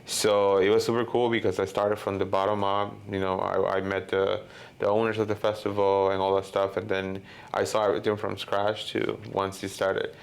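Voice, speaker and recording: Low, gravelly man telling his story. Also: completely flat delivery, normal speed. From Honduras. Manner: rambling, lots of "you know" and "like" fillers. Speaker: guest filmmaker. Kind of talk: casual interview.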